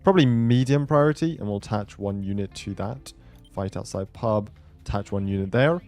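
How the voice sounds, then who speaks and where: Talking himself through his moves, a man hosts a casual gameplay video in a fairly low, slightly mellow voice at a moderate pace. He thinks aloud throughout, with music in the background.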